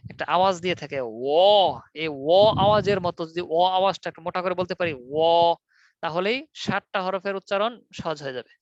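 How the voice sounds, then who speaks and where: A man's voice: high voice, fairly bright tone, no room sound, lo-fi sound. A man teaching Arabic letter pronunciation in an online class, patiently drilling students in call-and-response. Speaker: Quran recitation teacher.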